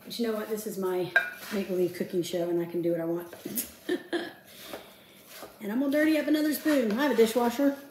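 Cooking at home, a woman in her fifties talks casually to the camera across her kitchen counter, self-deprecating and muttering to herself as she goes. Her mid-range voice is dark and fast, broken by long pauses. The echoey kitchen has clattering dishes and slight background noise.

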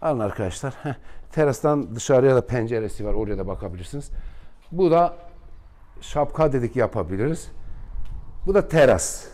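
A man's voice: medium pitch, lively intonation, brisk, pauses often, darkish tone. A man in his forties from Turkey, a real estate agent giving a rambling house tour with folksy asides, recorded on a camera mic while walking through an empty villa. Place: empty unfurnished villa, indoors. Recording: echoey empty rooms.

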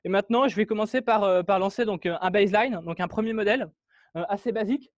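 This meetup speaker walks through code in a technical talk, full of fillers and false starts. He talks fast in a high-sitting voice, captured on a dry, muffled recording.

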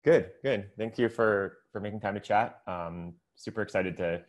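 A man's voice: fairly low pitch, normal speed. A man in his thirties hosting a podcast over a video call, eager and upbeat, with lots of fillers. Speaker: podcast host. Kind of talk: casual video-call interview. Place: room indoors. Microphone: earbud headset mic on video call.

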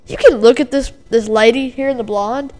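A woman's voice: a little high, moderate pace, darkish tone. A woman giving a casual, agitated reaction commentary from home, rambling with many fillers and repeats. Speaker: video commentator. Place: home with a dog and a TV in the background.

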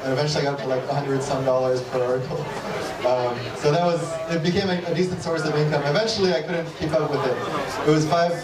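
A man in his thirties giving a relaxed, self-deprecating talk with a handheld mic at an evening event, often restarting his sentences. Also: on the high side, quick pace, noisy background. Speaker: guest speaker. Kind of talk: conversational talk and Q&A. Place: dark event hall, indoors. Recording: roomy hall audio from a distant camera, crowd behind. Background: audience.

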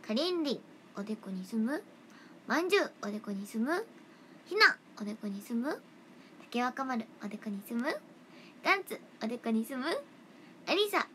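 A young woman idol chatting casually on a livestream, reading fan comments in a playful, chatty way that sometimes drops into soft whispers, close to the mic. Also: a little high, a little hiss or hum.

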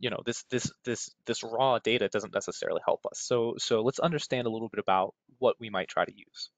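A man talks a little fast in a fairly low voice, presenting an informal technical webinar with an American accent. He's conversational and often asks "right?", heard through roomy, dull, lo-fi audio.

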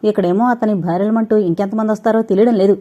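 A woman's voice: mid-range voice, fairly even intonation, fast talker, mellow, natural voice. A woman voicing a haughty, demanding young woman who complains angrily, in a slightly dull recording. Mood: indignant. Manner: indignant, complaining.

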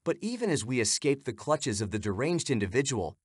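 A man's voice: mid-range voice, very animated, fairly quick, breathy edge, no room sound, clean studio sound. A man giving scripted, suspenseful narration of a horror story.

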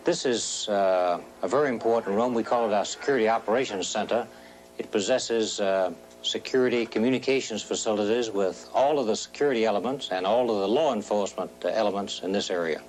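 A man explaining things as an official in an interview, formal and halting. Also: fairly low pitch, darkish tone. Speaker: security official being interviewed. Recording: old TV interview, faint noise.

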